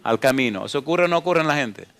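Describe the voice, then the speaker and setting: A man's voice: a little high, very fast, fairly bright tone, clear, resonant tone. A male pastor preaching a sermon, reading scripture and asking the congregation rhetorical questions.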